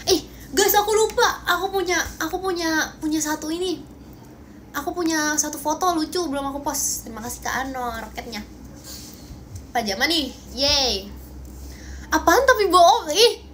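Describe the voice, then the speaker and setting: A young woman with a bright, high voice and an Indonesian accent hosts a casual phone livestream, bubbly and playful as she thanks viewers and protests teasing comments. A faint background hum sits under her voice in the room at home. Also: moderate pace. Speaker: idol livestream host.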